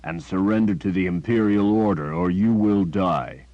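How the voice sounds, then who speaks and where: A man voicing a menacing soldier who growls his threats slowly. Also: deep voice, no echo, muffled recording, lightly acted. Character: armed soldier, menacing and rough.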